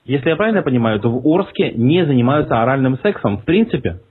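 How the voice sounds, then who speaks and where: Husky-voiced man on a tinny phone line. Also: medium pitch, very animated, fast. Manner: mocking, provocative, swearing. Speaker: prank caller. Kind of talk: prank phone call.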